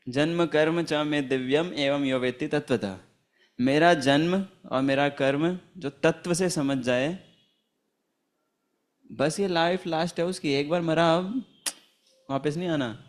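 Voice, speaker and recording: A man teaching a Gita class in a chatty, storytelling manner, laughing often and chanting Sanskrit verses. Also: fairly high pitch. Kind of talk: informal scripture class with anecdotes.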